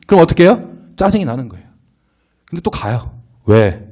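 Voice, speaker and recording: Young man, youth pastor, animated sermon delivery with a wide pitch range, acts out quoted voices. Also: fast talker, slightly rough.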